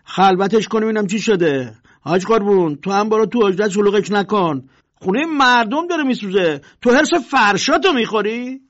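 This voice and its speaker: A man's voice: high voice, animated, pitched above the performer's own voice. A man voicing an arrogant neighbourhood tough guy who bullies and barks at a crowd. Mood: bossy. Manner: loud, bullying, swaggering. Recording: dull lo-fi recording.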